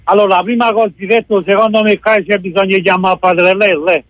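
A male caller heard over the phone line on a radio phone-in. His voice sits high and sounds dry and close. He asks his question haltingly, stopping often on hesitant fillers. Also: steady tone, a bit bright, no room sound, faint music behind.

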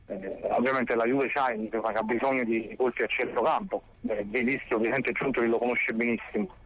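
A man's voice: mid-range voice, steady tone, brisk, fairly bright tone, slightly rough, dry recording. A man reporting sports news over a phone line with spotty reception, hesitant and repeating words as he reasons. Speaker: sports correspondent.

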